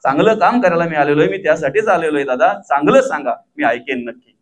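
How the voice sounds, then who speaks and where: A man's voice: on the high side, lively intonation, fast talker, close to an everyday voice. A man preaching who voices a small, humble male god, earnest and modest in his replies.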